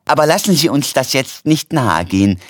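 Voicing a courteous elderly male doctor, a man speaks in a polite, effusive, formal, courtly way, very animated and at normal speed. His mid-range voice is pitched above his own natural one yet stays close to an everyday voice. The recording is studio quality with no room sound.

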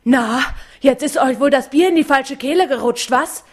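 A woman's voice: sits high, normal speed, pitched above the performer's own voice, close to an everyday voice. A woman voicing a boisterous, burly robber chief in a storybook reading, bellowing and rowdy. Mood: boastful. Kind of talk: audiobook reading.

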